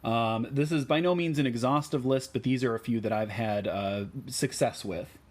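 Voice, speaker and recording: A man with a Midwestern American accent explains card choices for a deck in a relaxed way, with many ums and uhs. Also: medium pitch, normal speed. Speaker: deck tech host.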